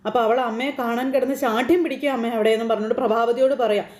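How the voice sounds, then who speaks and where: Fast, chatty woman retelling a serial. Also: a little high, steady tone, darkish tone. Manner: chatty, adds tag fillers and retells the characters' lines. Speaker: recap narrator of a TV serial. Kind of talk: casual spoken retelling of a serial episode. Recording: roomy echo.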